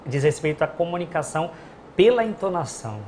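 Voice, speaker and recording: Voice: medium pitch, very animated, fairly quick, darkish tone, a little hiss or hum. Playful talk show host. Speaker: interview host. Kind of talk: interview conversation.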